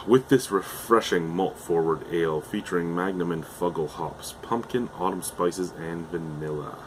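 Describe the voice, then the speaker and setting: This is a young man from Canada reviewing a beer at home, his low voice going hoarse as he loses it. He takes his time, rambling casually and hesitantly, filling gaps with "uh" and starting sentences over. Beneath him there's a faint air-conditioner hum.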